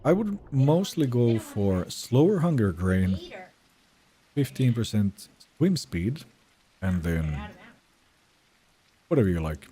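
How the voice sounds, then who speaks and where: A young man chatting casually through a live gameplay stream, reading out and answering chat messages in a relaxed way. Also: on the low side, slow, long pauses. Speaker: game streamer.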